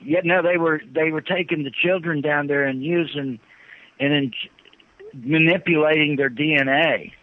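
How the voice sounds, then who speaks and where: A man calling in to an interview over a phone line, talking in a halting, earnest way and often repeating himself. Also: a little high, fairly even intonation. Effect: phone line, heard over the phone. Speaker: phone-in guest. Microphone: telephone, satellite phone. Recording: tinny narrow-band phone line.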